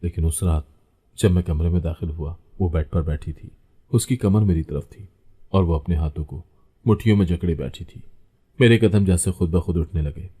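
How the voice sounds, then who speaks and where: A man narrating a dramatic first-person story in a brooding, heavy and measured way. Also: deep voice, mellow, husky.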